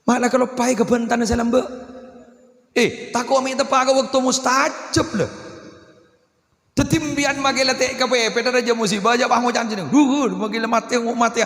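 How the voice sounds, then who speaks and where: A man preaching a sermon in a lively, joking manner, often acting out voices. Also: very high-pitched, normal speed. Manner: animated, joking, playacting quotes. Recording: echoey hall with long reverb.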